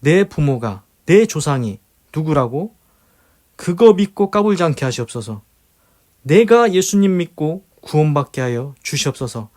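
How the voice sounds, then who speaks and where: An earnest man with a somewhat high voice delivers a devotional sermon. He switches between explaining a passage and praying aloud, hammering his points home through repetition. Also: very animated, a little slow, a little mellow. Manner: earnest, alternates teaching with spoken prayer; emphatic, repeats key phrases. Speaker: preacher leading a daily devotional. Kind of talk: devotional Bible commentary with prayer.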